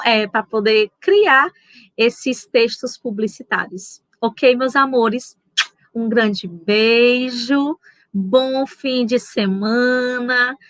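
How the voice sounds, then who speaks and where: Woman teacher for a children's online lesson, affectionate sing-song delivery, slow pace. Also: on the high side, a bit bright, no echo. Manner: affectionate, sing-song, stretches words slowly. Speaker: schoolteacher.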